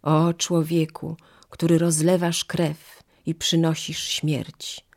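A devoted doe from a fable, pleading gently and steadily, as a narrator voices her. Her voice is slow and gravelly with a husky edge, unhurried even when she is urgent. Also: medium pitch. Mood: solemn. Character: brave loyal female doe, gentle and pleading.

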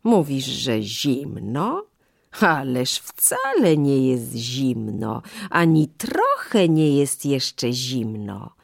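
A woman's voice: a bass voice, huge pitch swings, gravelly, heavily acted. A woman doing a sly grinning crocodile. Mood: mocking. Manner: slow, drawn-out, smug.

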